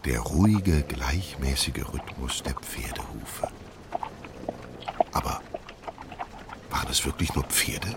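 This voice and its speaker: A man narrating a children's storybook with expressive, lively delivery. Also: extremely low pitch, slow pace, creaky, long pauses, very noisy.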